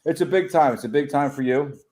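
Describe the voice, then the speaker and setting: A man's voice: fairly high pitch, quick pace, darkish tone. A man co-hosting a local podcast, chatty and joking. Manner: joking, chatty, laughs often. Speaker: podcast co-host. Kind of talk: casual chat.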